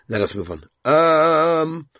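A man's voice: mid-range voice, lively intonation, quick pace, slightly rough, dry recording, clean studio sound. A man teaching a daily Talmud lesson in a conversational way, with asides and repeated words.

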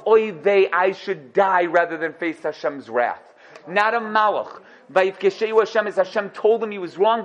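A man with teaching a religious class as a rabbi, emphatic and animated, repeating phrases and posing rhetorical questions. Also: high-pitched. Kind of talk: animated religious lecture with Hebrew terms.

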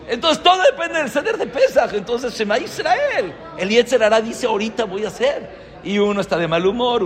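A man preaches in a lively, high-pitched voice, acting out stories and laughing along the way. His voice rings with long reverb through a hall. An audience is clearly heard in the room around him. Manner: animated storytelling, acting out quotes, laughing. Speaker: rabbi giving a holiday talk. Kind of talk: lively sermon to a live audience.

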